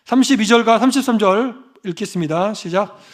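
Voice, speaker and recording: A Korean pastor preaching a fervent, emphatic sermon that rises into proclamations. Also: male voice, high voice, a little fast.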